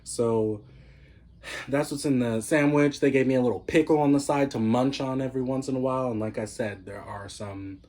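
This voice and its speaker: A man's voice: mid-range voice, moderate pace, darkish tone. A young man chatting casually on his eating-show vlog, a little out of breath and laughing often as he savors his food. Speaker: mukbang vlogger.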